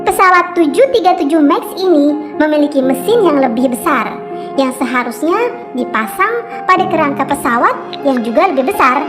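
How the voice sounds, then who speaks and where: High-pitched woman narrator over music. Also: expressive, moderate pace. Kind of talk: scripted documentary narration.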